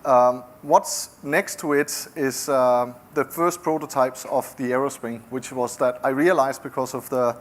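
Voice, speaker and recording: This founder's conference talk comes from a middle-aged man from Denmark whose Danish accent is clear. His voice sits at a medium pitch with a steady tone, and he speaks conversationally, stopping and restarting often.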